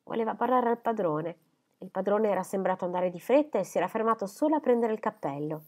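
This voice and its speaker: Expressive woman reading a novel. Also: medium pitch, quick pace. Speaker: audiobook reader. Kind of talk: literary audiobook narration.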